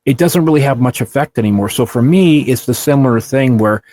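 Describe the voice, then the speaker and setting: Guy in his 60s, just chatting, long earnest rambly stories, middle pitch. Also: brisk, dark tone. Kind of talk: casual chat.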